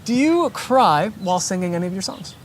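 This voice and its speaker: An interviewer runs through quick questions with short, upbeat reactions between them. The voice sits at a middle pitch, with a faint hiss of noise in the background. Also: lively intonation. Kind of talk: rapid-fire interview questions.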